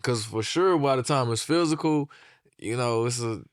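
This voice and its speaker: A man in a casual podcast chat, measured and thoughtful, posing questions to the group. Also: medium pitch, clear, resonant tone, no room sound, clean studio sound. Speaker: podcast co-host.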